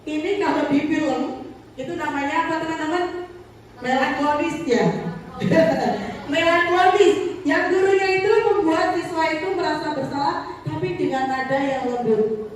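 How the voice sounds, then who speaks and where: A woman's voice: sits high, normal speed. A woman teacher giving a casual workshop presentation to colleagues in a chatty way, often acting out phrases a teacher might say. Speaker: teacher leading a staff workshop. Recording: echoey room, distant mic, faint noise.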